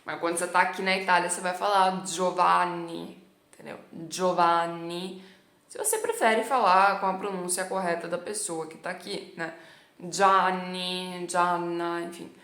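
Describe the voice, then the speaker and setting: A woman's voice: on the low side, flat delivery, a bit bright, reverberant. A Brazilian woman with a Brazilian Portuguese accent teaching an online language lesson, repeating each sound several times. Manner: explains sounds slowly, repeating them many times. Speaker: Italian teacher. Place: lives in Italy.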